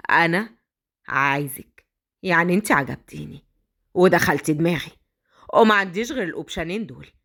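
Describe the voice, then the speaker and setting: A woman voicing a ruthless male mafia boss who speaks slowly and mockingly in an Egyptian accent. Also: expressive, a bit bright. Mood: menacing. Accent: Egyptian Arabic. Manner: slow, low, taunting.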